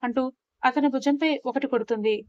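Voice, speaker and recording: A woman narrating a romantic audio story in a steady, expressive way. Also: high-pitched, a little fast, highs cut off.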